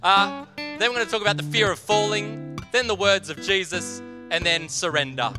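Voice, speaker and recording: A man's voice: high voice, normal speed. Jokey male pastor preaching in a hall. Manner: jokey, self-deprecating storyteller. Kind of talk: humorous sermon. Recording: long hall reverb, faint music.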